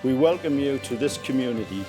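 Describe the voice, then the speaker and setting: A man speaking as celebrant at a naming ceremony, in a measured, formal manner. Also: mid-range voice, lively intonation, over music.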